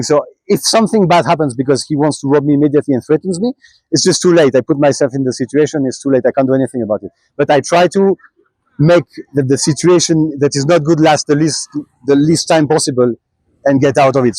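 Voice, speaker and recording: A young man, a cyclist answering questions in a relaxed interview, pausing and restarting often. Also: on the high side, no echo, poor audio. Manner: halting, many restarts and fillers. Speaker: traveling cyclist.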